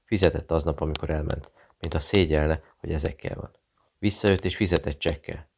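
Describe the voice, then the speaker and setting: A man's voice: extremely low pitch, fairly even intonation, vocal fry, background noise. A man reading a nervous, secretive Serbian barkeeper who speaks in clipped, broken phrases. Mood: fearful.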